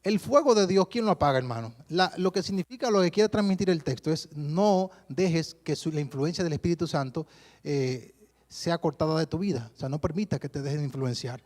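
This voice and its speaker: This Dominican man preaches to a church congregation in a Dominican Spanish accent, his voice on the high side and his pace brisk. He tells stories with lively energy and keeps calling his listeners "brother."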